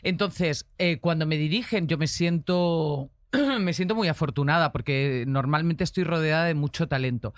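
A woman's voice: low voice, moderate pace, no room sound. A woman, a guest telling stories with assurance and playful energy. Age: 40s. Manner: assured storyteller, animated and playful. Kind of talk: casual chat.

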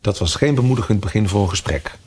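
A man's voice: lowish voice, quick pace, darkish tone, slightly rough. A man reading a children's story aloud, narrating expressively and giving the characters their own voices. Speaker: audiobook narrator.

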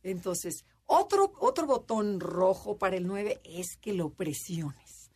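A woman's voice: expressive, slow pace, darkish tone, breathy edge. A woman co-hosting a casual radio talk show, chatty and explaining with examples. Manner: chatty, acts out quotes in a high voice. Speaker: radio co-host.

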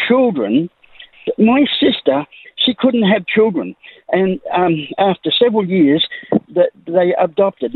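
A man phoning a radio show, speaking earnestly in a halting, emotional way. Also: on the high side, dry recording. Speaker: radio phone-in caller. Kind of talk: earnest call-in testimony. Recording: band-limited phone line on radio.

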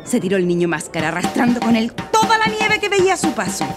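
A woman tells a children's story in an animated, playful way. Her voice sits a little high and swoops widely, with sound effects woven in. Music plays under her narration. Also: fast talker. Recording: music playing behind.

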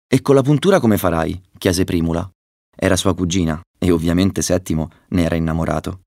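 Deep-voiced man reading a children's story. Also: darkish tone, dry recording, studio quality. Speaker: narrator.

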